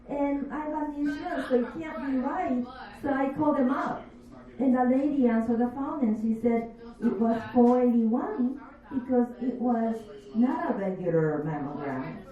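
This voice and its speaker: A woman in her fifties, not a native English speaker, doing a stand-up comedy set with slow, deadpan, self-mocking delivery. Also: high-pitched. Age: 50s. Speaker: stand-up comic. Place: comedy bar stage. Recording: echoey bar room, distant dull mic.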